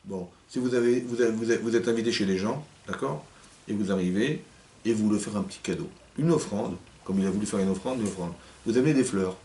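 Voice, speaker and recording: In an echoey community hall, picked up by a distant mic, a male rabbi teaches an energetic, interactive Torah class. He speaks fast in a somewhat low voice, acting out small scenes and putting questions to the people listening.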